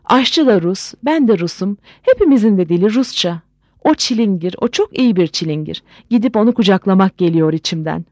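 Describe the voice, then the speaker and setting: A woman's voice: mid-range voice, expressive, fairly quick, darkish tone, no room sound, lightly acted. A woman voicing a heartbroken, drunk middle-aged German husband who rants and sobs in a storybook reading. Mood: gushing. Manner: sobbing, ranting, then gushing.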